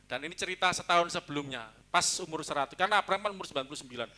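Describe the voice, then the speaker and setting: A man preaching a sermon as pastor, talking in a lively, joking way. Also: a little high, rapid-fire. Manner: lively, joking, mixes in Javanese.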